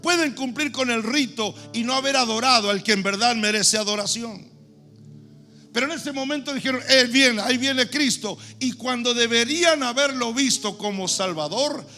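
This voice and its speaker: High, bright-voiced older pastor preaching. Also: male voice, moderate pace, soft background music. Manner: animated preaching, asks the congregation questions, acts out crowd shouts. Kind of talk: sermon.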